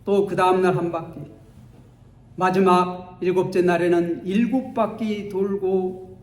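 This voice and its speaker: Slow, high-voiced male pastor preaching. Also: little pitch movement. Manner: dramatic storytelling, acting out scenes. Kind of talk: sermon. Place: church sanctuary. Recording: echoey church hall.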